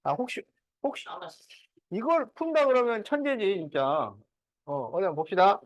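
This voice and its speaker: A man's voice: high voice, sing-song, moderate pace, dry recording, highs cut off. A man teaching a class math, working through problems step by step and often checking whether students follow. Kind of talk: classroom lesson.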